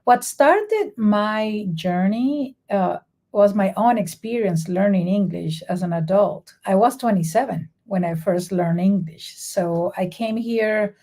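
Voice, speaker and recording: Venezuelan-accented woman with a gravelly voice. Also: mid-range voice, slow pace. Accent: Venezuelan Spanish. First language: Spanish. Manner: earnest, animated storyteller. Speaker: guest educator. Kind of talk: conversational interview storytelling.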